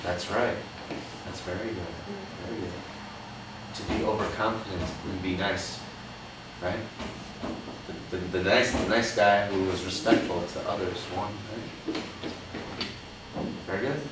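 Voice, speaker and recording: A man with a slightly low, fairly even voice reads a picture book aloud at a measured pace, pausing long and often to coax answers from young listeners and checking in with "right?". He sounds patient and encouraging. Recorded from a distance in a very echoey room, the audio carries a noticeable hiss.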